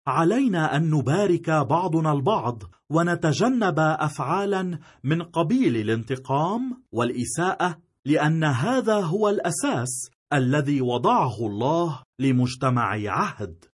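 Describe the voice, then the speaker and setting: A man narrates a scripted theology lesson at a measured, formal pace. His voice is husky, and his pitch rises and falls with a lot of life. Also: very animated. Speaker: lecturer narrating a theology course.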